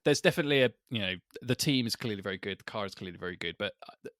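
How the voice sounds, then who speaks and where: A man's voice: on the low side, expressive, very fast, fairly bright tone, no room sound, clean studio sound. A man co-hosting a sports podcast, chatting casually and laughing often. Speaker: podcast co-host. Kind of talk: casual chat.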